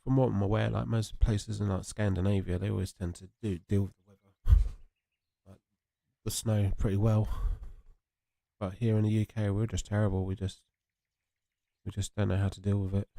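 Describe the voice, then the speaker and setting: In a casual livestream while playing, a young Englishman rambles chattily and answers viewers through a sniffly, congested voice. It is fairly low-pitched with little pitch movement, normal speed, gravelly and warm, and the recording is dry.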